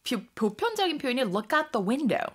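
Lively-voiced woman co-hosting English radio. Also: high-pitched, measured pace, husky. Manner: responsive, short backchannels, explains meanings. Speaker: radio English show co-host. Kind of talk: bilingual radio English lesson.

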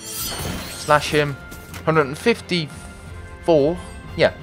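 A man's voice: on the high side, fairly even intonation, very slow, over music. Chatty man narrating his gameplay. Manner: chatty, self-deprecating, thinking aloud. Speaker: gaming video host. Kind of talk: let's play commentary.

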